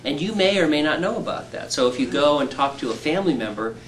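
Middle-aged surgeon explaining plainly. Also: male voice, fairly high pitch, expressive, fast, a bit bright, a little hiss or hum, poor audio. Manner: patient, plain-spoken, teacherly with homely examples. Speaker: weight-loss surgeon. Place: indoor room.

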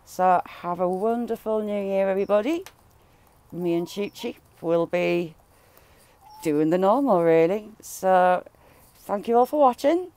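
A woman's voice: mid-range voice, measured pace, dark tone, no room sound. A woman chatting casually and affectionately to viewers, as a vlogger.

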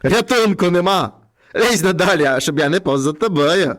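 A man's voice: sits high, animated, moderate pace, fairly bright tone. A man voicing a fierce, menacing male bear in a read-aloud fairy tale. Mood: gloating.

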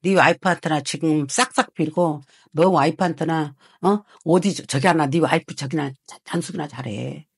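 Husky woman fortune teller scolding harshly. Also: low voice, normal speed, hardly any pauses, dry recording, clean studio sound. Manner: harsh scolding with swearing and repeated rhetorical prods. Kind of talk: heated consultation with a client.

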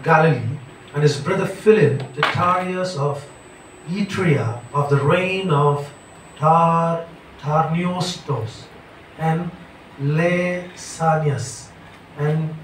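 A man reads Bible passages aloud at a very slow, careful pace, stumbling over difficult names. His voice sits slightly high and comes from some distance in an echoey church hall, with faint noise behind. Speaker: scripture reader.

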